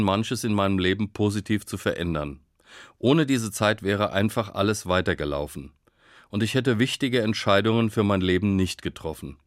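Calm low-voiced man giving a devotional. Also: no echo, studio quality. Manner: calm, measured storytelling. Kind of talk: short radio-style devotional reflection.

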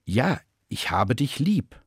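A man's voice: medium pitch, very animated, slow pace, slightly rough, no echo, clean studio sound, pitched above the performer's own voice, exaggerated voice. A man voicing a flustered adult fisherman disciple who stammers and turns indignant.

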